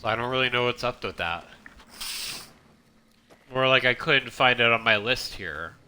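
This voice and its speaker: A man with a very bright, forceful voice gives casual gameplay commentary on a stream. He rambles, trails off and restarts his thoughts as he plays. A faint hiss of noise sits behind him. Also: mid-range voice, normal speed. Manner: rambling, self-interrupting, chatty. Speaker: game streamer.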